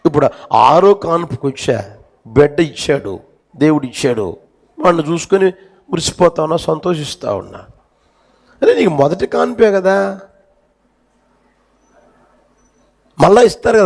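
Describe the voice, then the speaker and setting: A man's voice: on the high side, gravelly. A man voicing a blunt older mother who consoles a younger woman in a story within his sermon.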